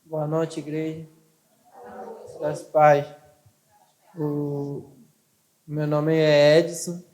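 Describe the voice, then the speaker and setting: A man's voice: a little high, monotone, darkish tone, poor audio. A Venezuelan man speaking Portuguese with a Venezuelan Spanish accent, briefly introducing himself. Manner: slow, brief self-introduction.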